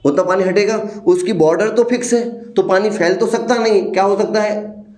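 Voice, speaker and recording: A man teaches a demo lesson in a playful, step-by-step way. His voice sits fairly high. The room around him is echoey. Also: normal speed, darkish tone. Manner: playful, explains step by step, addresses listeners as "beta".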